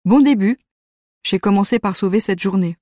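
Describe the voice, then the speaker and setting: A woman narrating a youth novel in the first person, in a steady, measured reading voice. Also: mid-range voice, no room sound, clean studio sound. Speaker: audiobook narrator.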